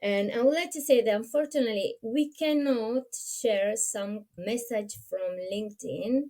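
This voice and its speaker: A woman's voice: on the high side, a little slow, warm tone. A woman in her forties from Italy with an Italian accent, presenting a webinar as co-host and using non-native phrasing and fillers. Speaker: co-host, nurse career coach.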